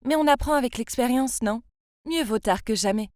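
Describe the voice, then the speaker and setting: Confiding young woman storyteller, high voice. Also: normal speed, darkish tone, dry recording, clean studio sound. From France. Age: 20s. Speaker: narrator. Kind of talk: first-person story narration.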